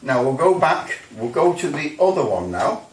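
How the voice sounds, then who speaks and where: With a slightly high, sing-song voice at normal speed, a man casually demonstrates radio equipment hands-on. His talk is rambling and hesitant, sprinkled with grumbling asides, and the audio is roomy from a distant mic with faint noise.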